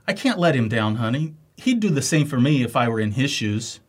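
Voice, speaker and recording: A man acting a concerned, loyal friend and husband in a scripted dialogue, speaking clearly and expressively. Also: medium pitch, sing-song, brisk. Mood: gently persuading. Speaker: actor in an English lesson dialogue.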